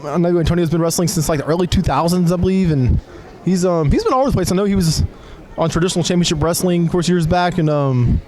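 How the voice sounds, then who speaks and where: A man's voice: high-pitched, quick pace, hardly any pauses, a little mellow. A man commentating live on lucha libre wrestling as an announcer, in a conversational, hesitant way with admiring exclamations. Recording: live event recording with crowd noise. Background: wrestling crowd.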